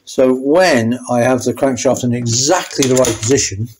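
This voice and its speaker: Older mechanic, chatty how-to narration in a small garage workshop, thinks aloud mid-task. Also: male voice, medium pitch, normal speed, background noise. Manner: thinking aloud, restarting sentences while working. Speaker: motorcycle mechanic. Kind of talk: hands-on workshop tutorial.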